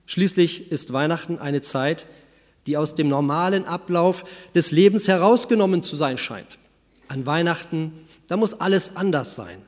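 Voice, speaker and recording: Male pastor, sermon, higher voice, calm storytelling, church echo. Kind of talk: sermon with a read fable. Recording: long church reverb.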